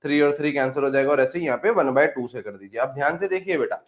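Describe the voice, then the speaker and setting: A man's voice: medium pitch, quick pace. A man teaching chemistry in an online class, repeating phrases over and over and scolding the students playfully. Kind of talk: live online class lecture.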